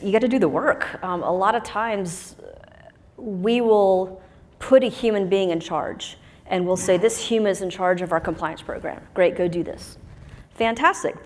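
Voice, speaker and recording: A woman speaking on a conference panel in a chatty, self-deprecating way with many fillers, from Huntsville, Alabama. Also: mid-range voice. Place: conference stage with long hall reverb. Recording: reverberant conference hall.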